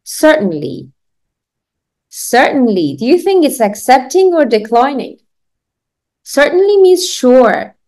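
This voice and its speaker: Animated woman teaching English phrases. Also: high-pitched. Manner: lively, laughs often, drills phrases for repetition; slows down to model English phrases clearly. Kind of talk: online language lesson.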